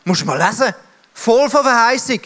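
A man's voice: extremely high pitch, animated, moderate pace, fairly bright tone. A man in his thirties with a Swiss German accent, preaching a sermon emphatically and addressing the listener directly.

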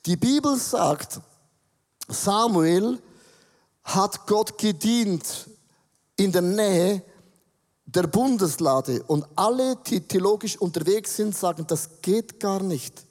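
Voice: mid-range voice, expressive, takes it slowly, darkish tone, long reverb tail. A pastor preaching a sermon on a church stage, earnestly acting out prayers and dialogue.

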